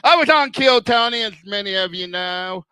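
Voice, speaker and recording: An older man doing stand-up comedy with a slurred, whistling lisp, as if missing front teeth, delivering self-deprecating punchlines deliberately. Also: sits high, expressive, pushed and bright, clean tone, dry recording.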